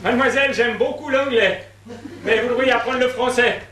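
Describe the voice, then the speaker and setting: A rambling, half-deaf old husband, played by a man in a stage comedy, his voice pitched very high. He mishears and misunderstands everything. Heard from far off on an echoey stage, with noise behind. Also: normal speed, sharp tone. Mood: puzzled. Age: older. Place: theatre stage.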